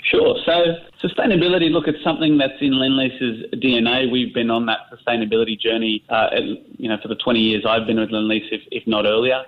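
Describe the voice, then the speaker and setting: A man's voice: medium pitch, little pitch movement, a little fast, few pauses. A middle-aged Australian man answering interview questions as a chief executive, often repeating words as he restarts his sentences. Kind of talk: business interview. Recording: slightly muffled, narrow phone-like line.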